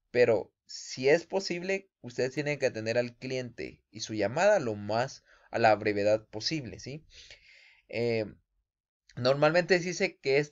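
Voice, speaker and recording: Male instructor, conversational teaching, frequent check-ins and fillers, mid-range voice, muffled lo-fi recording. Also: medium pitch. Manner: addresses listeners directly, frequent "¿sí?" check-ins and hesitant "eh" fillers. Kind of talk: casual spoken lesson.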